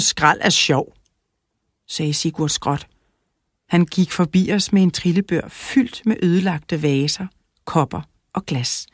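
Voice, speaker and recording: A woman narrating a children's audiobook in a clear, even storytelling manner, close to the mic. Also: sits low, no echo. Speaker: audiobook reader.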